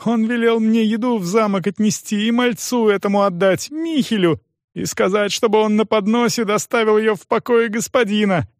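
A man voicing a terrified crippled young man who whines and pleads in a high, sobbing voice. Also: normal speed, no echo, studio quality.

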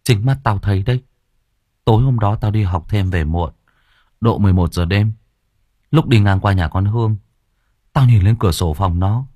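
A man's voice: on the low side, normal speed, pauses often, dry recording, close to an everyday voice. Man voicing a stammering, scared burly teen boy. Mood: frightened. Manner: stammering, hushed. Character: big burly teenage boy, nervous and scared. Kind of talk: audiobook character voice.

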